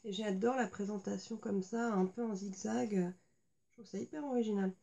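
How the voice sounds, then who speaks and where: A woman's voice: medium pitch, steady tone, moderate pace, creaky, dark tone. A woman chatting casually as she unboxes and shows makeup at home, talking with many hesitations and fillers. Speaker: beauty vlogger. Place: indoors at home.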